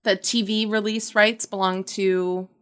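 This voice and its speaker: A woman's voice: mid-range voice, level tone, a little slow, smooth. A woman chatting on a podcast, enthusiastic and searching for words. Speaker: podcast co-host. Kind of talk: casual podcast chat.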